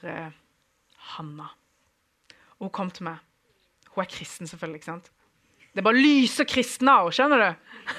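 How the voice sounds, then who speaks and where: Animated young man telling a story, bright voice. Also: high voice. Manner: animated, acts out quoted dialogue, chuckles often. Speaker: speaker giving a testimony. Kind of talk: humorous personal storytelling to an audience.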